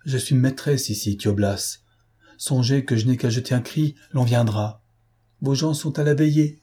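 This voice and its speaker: A man reading an audiobook, voicing a desperate, scheming young noblewoman with a raised, strained pitch. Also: moderate pace, warm tone, breathy edge, natural voice. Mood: defiant, panicked. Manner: pleading then shrill and defiant.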